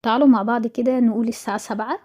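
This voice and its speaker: A woman teacher with an Egyptian Arabic accent explaining a French lesson, often asking her own questions and then repeating key words slowly to answer them. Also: on the high side, fairly even intonation, mellow.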